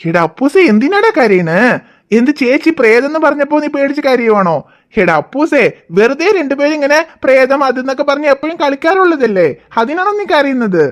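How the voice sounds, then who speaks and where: A jokey cartoon father, as a woman puts him on, playful and a little bossy with his family. The voice is pushed down into a lower register while still sitting fairly high for a man. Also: lively intonation, fairly quick. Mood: teasing. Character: teasing good-natured father, grown man. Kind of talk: cartoon voice acting.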